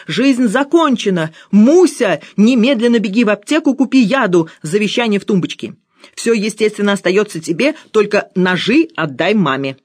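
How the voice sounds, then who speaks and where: A woman's voice: on the low side, husky. A woman reader voicing a tiny, fussy male cook who is servile and wildly melodramatic. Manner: obsequious, theatrical lamenting.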